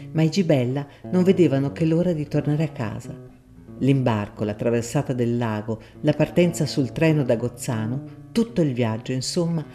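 A man reads a story aloud in a measured, expressive way. His voice is mellow and dark, with a faint guitar playing underneath. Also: mid-range voice. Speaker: narrator. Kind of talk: storybook reading. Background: soft guitar music.

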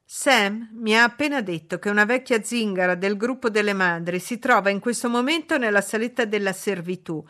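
A woman's voice: medium pitch, a bit bright, voice pushed up, close to an everyday voice. A woman reading a courteous old colonel. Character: genial, scheming middle-aged male colonel.

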